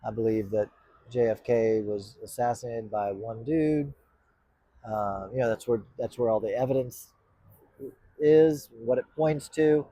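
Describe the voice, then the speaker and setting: A man's voice: mid-range voice, a little slow, mellow. A man hosting his own channel, talking casually to the camera in a rambling, hesitant way with many fillers and restarts. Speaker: podcast host. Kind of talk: casual vlog talk to camera.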